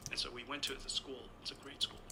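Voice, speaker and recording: A man's voice: mid-range voice, level tone, quick pace, noisy background. A Taiwan-born man in his sixties, an interview guest telling a long personal story in a rambling way, often correcting himself. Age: 60s. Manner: rambling, anecdotal, with self-corrections. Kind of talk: conversational storytelling.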